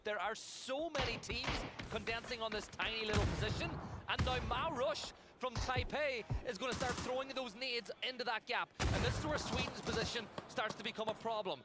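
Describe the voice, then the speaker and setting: A man doing energetic play-by-play commentary on a live esports match. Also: very high voice, moderate pace, loud music behind the voice. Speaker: esports caster. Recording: loud game audio behind.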